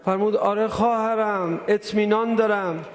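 A male preacher giving an emotive mourning sermon, moving between soft pleading and raised cries. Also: high-pitched, steady tone, big-room sound.

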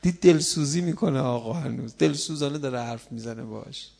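Telling stories in an easy, conversational manner, this preacher delivers a colloquial religious sermon that climbs into loud, impassioned stretches. His mid-range voice is gravelly with a breathy edge.

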